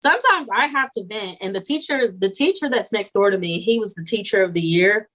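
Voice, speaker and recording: A young woman teacher, a podcast guest talking candidly and telling animated stories. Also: medium pitch, a little fast, poor audio. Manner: candid, animated storytelling with quoted asides. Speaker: podcast guest, sixth grade English teacher. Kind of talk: casual chat.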